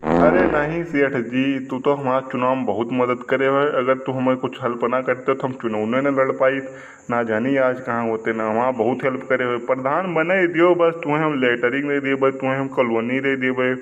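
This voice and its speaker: Pleading man in a comedy sketch, mid-pitched voice, lo-fi sound. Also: normal speed. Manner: pleading, wheedling, excitable. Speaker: comic village election candidate. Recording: lo-fi recording.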